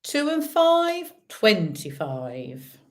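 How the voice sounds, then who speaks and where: A woman with a fairly high voice is calling bingo. She takes her time, spelling out each number digit by digit with deliberate pauses, and keeps it informal and chatty. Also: huge pitch swings. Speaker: bingo caller and host. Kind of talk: bingo calling with casual chatty asides to players.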